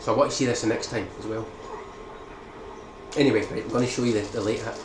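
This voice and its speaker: A man talking through a speedrun tutorial in a mid-range voice, explaining each step and checking in with "right?". The sound is roomy and echoey, with a steady hiss of noise underneath. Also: mid-range voice, fast. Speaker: speedrun guide maker. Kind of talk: game tutorial commentary. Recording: echoey room with background noise.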